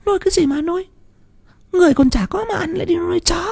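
A shrill nagging old village wife. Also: male voice, fast, a little mellow. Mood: scolding. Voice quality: high, strained, nagging.

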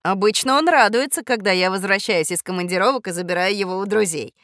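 Woman narrator doing a kind, courteous grown man in a storybook, mid-pitched, dry sound. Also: quick pace, fairly bright tone, no room sound, natural voice. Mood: polite, pleading. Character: kindly middle-aged man, a parrot's owner.

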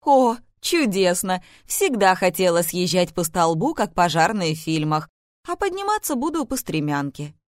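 A woman reading an audiobook voices an excitable, eccentric older mother-in-law with loud, exclamatory, bubbly lines. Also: fairly low pitch, moderate pace, no room sound, studio quality. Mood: excited.

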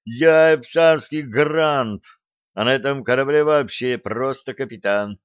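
A man voicing a gruff, sardonic male starship captain who gives bossy orders, in a dull lo-fi audiobook recording. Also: mid-range voice, measured pace, no echo, voice pushed up, lightly acted. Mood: stern mocking. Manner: bossy, grumbling.

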